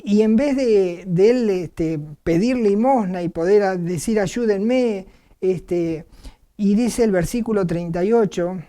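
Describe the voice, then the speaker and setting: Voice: medium pitch, mellow. A preacher with an Argentine accent delivering an earnest evangelistic sermon, with frequent hesitations and "este" fillers as the preacher retells a scripture story. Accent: Argentine Spanish. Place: church.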